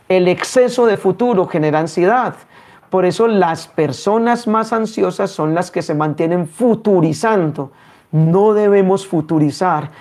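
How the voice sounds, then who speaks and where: Male preacher, sermon delivery, measured pace with pauses and repeated phrases. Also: sits high, a little mellow.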